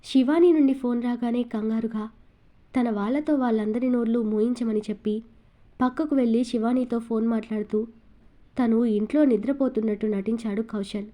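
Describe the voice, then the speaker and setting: A woman narrating a serialized novel aloud with steady, expressive storytelling. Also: on the high side, moderate pace. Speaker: audiobook narrator.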